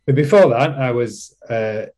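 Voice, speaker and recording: A man's voice: mid-range voice, unhurried, mellow. A man from West Yorkshire with a Yorkshire accent, a college chaplain answering interview questions in a casual, self-deprecating way with frequent restarts. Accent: Yorkshire English. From West Yorkshire, England.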